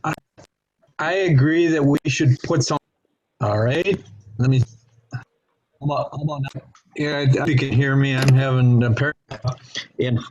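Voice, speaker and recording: A man speaking on a remote call as a board member at a public meeting. His call audio keeps breaking up, and he talks haltingly, starting over in the middle of sentences. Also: mid-range voice, a little mellow. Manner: halting, restarting mid-sentence. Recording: muffled remote call line with faint noise.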